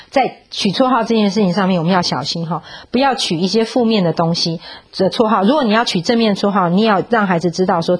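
A woman giving a parenting talk, telling a Bible story and coaxing the audience with questions, slipping in English words. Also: breathy edge. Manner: acts out quoted voices with rising pitch. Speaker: parenting speaker.

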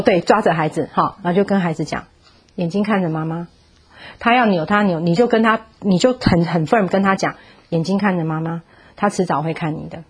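A woman's voice: medium pitch, husky. A woman teaching a parenting class, talking in an earnest, firm way and acting out how to speak to children.

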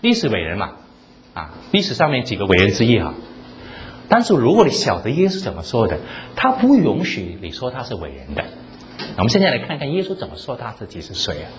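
A man preaching a sermon, animated, asking the room rhetorical questions and quoting scripture in dramatic voices. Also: mid-range voice, a little fast, slight background noise. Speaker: pastor.

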